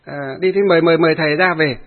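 A man voicing an old village woman who pleads softly and hesitantly to calm others down. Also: fairly high pitch, very fast, close to an everyday voice. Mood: pleading. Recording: tinny phone-like audio.

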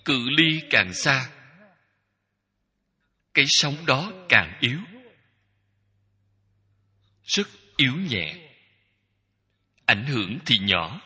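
A man giving a Buddhist dharma talk as a teacher, speaking in slow, measured short phrases that repeat. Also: medium pitch, sing-song, pushed and bright, breathy edge. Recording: long hall reverb.

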